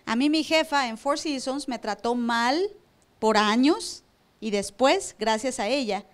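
A woman's voice: a little high, animated, a little slow. A woman pastor preaching a sermon to a church, asking the room rhetorical questions and acting out church members. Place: church service.

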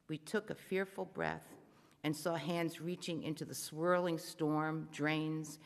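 A worship reader reading a modern psalm aloud in church, steady and solemn. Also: medium pitch. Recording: long reverb of a church sanctuary.

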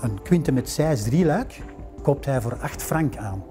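Soft music plays beneath this documentary interview, in which a museum director in his fifties with a Flemish accent tells the story of a collector's past. His medium-pitched voice is expressive and warm, his pace unhurried, with an "eh" here and there. A lapel mic captures him in a library room.

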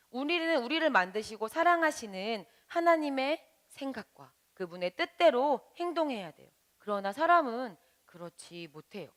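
A woman as a Sunday school teacher, gently explaining a Bible story to children and asking them questions. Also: on the high side. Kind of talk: children's Bible lesson narration.

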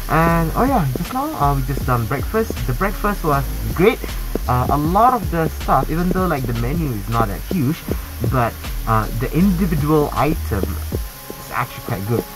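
Lively man, muffled by a face mask. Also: medium pitch. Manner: chatty, hesitant, many fillers. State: speaking through a face mask. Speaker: food vlogger. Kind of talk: casual food review vlog. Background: background music.

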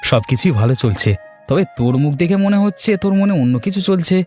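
A man's voice: on the high side, expressive, fast, a little mellow, faint music behind, close to an everyday voice. A man voicing a hot-tempered newly married young man in a cartoon, blunt and angry. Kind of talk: cartoon voice acting.

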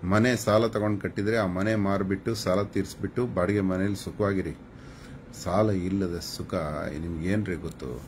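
Over background noise, a deep-voiced man hosts a live stream and gives his viewers advice. He lectures them in a preachy way, scolding and mocking as he goes.

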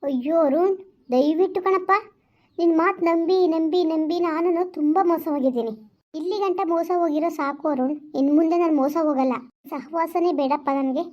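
A woman plays a jealous young woman scolding her lover in a rural vlog skit, reproachful and fast-talking. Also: highs cut off, lightly acted. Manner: reproachful, quick and high-pitched. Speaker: amateur skit actor. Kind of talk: village vlog skit acting.

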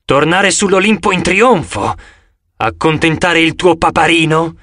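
A cornered young man, as the narrator voices him taunting with a sneer in a storybook reading. His voice sits a little high and is drawn out and slow. The sound is dry and close. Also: a bit bright, dry recording. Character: mocking cornered young male traitor.

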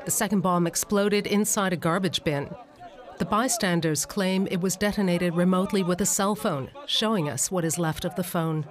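A documentary narrator reading a calm, even, scripted narration. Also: mid-range voice, normal speed. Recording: narration over music and crowd noise.

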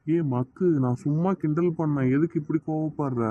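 A man's voice: fairly high pitch, a little fast, narrow, tinny audio, lightly acted. A man voicing a teasing but doting young man in a cartoon, speaking with a Tirunelveli Tamil accent. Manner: teasing, coaxing, playfully scolding. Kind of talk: cartoon voice acting.

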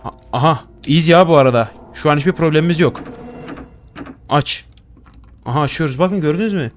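A young gaming YouTuber with a fairly high voice comments quickly on a horror game he's playing at home, over a little hiss or hum. He gets jumpy, swears a lot and talks to the objects he finds.

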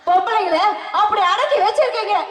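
A woman's voice: very high-pitched, brisk. A woman acting a wronged young village wife in a stage drama, pleading and then defiant. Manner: emotional, rising to fierce defiance. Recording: echoey open-air stage with live music.

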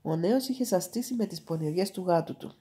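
A woman reading a fairy tale aloud in a calm, measured storytelling manner. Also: fairly low pitch.

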